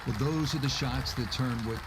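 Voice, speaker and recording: A man giving play-by-play golf commentary as lead announcer, in measured, folksy broadcast phrasing. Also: medium pitch, a crowd in the background, background noise, lightly acted.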